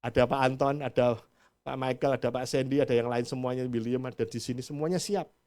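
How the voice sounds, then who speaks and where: Man, pastor, sermon, emphatic, loud then hushed, mid pitch. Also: steady tone, fairly quick. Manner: emphatic, swinging between loud urging and quiet stress.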